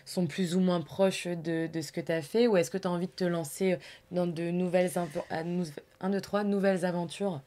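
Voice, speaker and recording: A woman from France hosting a podcast in a casual interview chat, full of quick agreeing backchannels. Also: fairly low pitch, fairly even intonation, warm tone. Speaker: podcast host.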